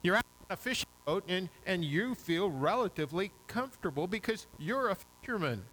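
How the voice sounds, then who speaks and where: A man's voice: high voice, animated, brisk, fairly bright tone, rough recording. A man preaching a sermon, retelling a Bible story vividly in the second person.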